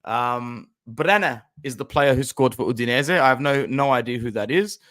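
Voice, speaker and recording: A young man hosting a casual football fan stream, chatting and reacting aloud to match highlights, with loud outbursts and low muttered asides. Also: moderate pace. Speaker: football fan channel host. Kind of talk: casual live-stream commentary.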